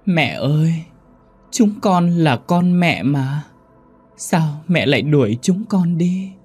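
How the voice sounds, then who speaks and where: A man voicing the ghost of an abandoned small child, pleading slowly in a high, plaintive wail. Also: expressive, a little mellow, slightly rough, faint music behind, heavily acted. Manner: slow, plaintive, wailing.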